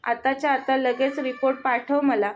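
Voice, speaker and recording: A woman's voice: sits high, little pitch movement, moderate pace, close to an everyday voice. A woman voicing an arrogant, short-tempered young businessman, speaking in a harsh, commanding way. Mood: harsh, irritated. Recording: dull lo-fi audio.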